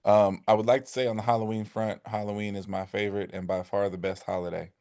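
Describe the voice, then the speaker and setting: A man's voice: lowish voice, flat delivery, fast, a little mellow, clean tone. A man co-hosting a podcast in casual chat, playful and repeating phrases for emphasis. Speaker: podcast co-host.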